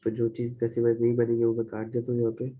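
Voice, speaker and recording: A man's voice: medium pitch, monotone, rapid-fire, muffled recording, a little hiss or hum. A man with a Pakistani accent teaching a grammar lecture, explaining step by step and repeating each example. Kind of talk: classroom-style grammar lecture.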